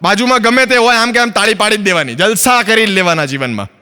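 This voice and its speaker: A man's voice: high voice, fast talker, sharp tone, clean tone, in a large hall. A man from Ahmedabad with an Ahmedabadi Gujarati accent doing a stand-up comedy monologue, chatty and acting out both sides of his stories. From Ahmedabad, Gujarat, India. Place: stage, filmed for a comedy recording.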